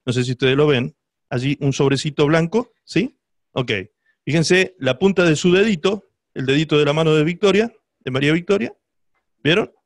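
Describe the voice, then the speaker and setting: A man preaching a sermon as pastor, his voice pitched high for a man. He speaks emphatically and keeps turning to his listeners with rhetorical questions. The sound is dry and close, with no room echo. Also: moderate pace.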